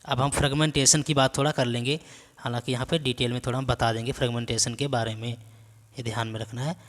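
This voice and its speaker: A male teacher gives an exam-prep biology lecture at a middle pitch. He reads notes out slowly, then asks questions and answers them himself. The room adds a long, ringing reverb. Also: fairly even intonation, a bit bright. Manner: dictates notes slowly, then explains and quizzes with repeated questions.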